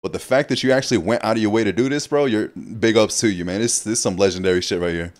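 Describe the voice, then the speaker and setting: Low-voiced male streamer host, hyped and slangy. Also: quick pace. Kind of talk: live reaction stream.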